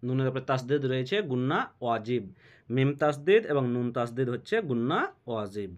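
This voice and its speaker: A man teaching Quran recitation rules step by step, spelling out letters, then chanting verses slowly and melodically, and answering his own questions. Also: mid-range voice. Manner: asks questions and answers them himself, slow drawn-out melodic recitation.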